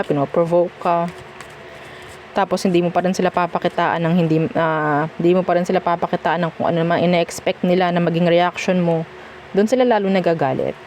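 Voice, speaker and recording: Doing a relaxed tarot reading, a Filipino-accented woman chats reassuringly, switching between Tagalog and English and frequently asking "okay?" Her voice is fairly low and darkish, with a bit of hiss or hum in the recording.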